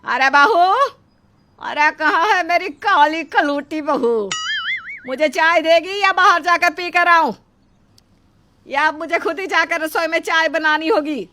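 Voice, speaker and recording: A woman's voice: extremely high pitch, unhurried, sharp tone, soft background music, exaggerated voice. A woman voicing a harsh, scornful middle-aged mother-in-law in a cartoon story, scolding and taunting.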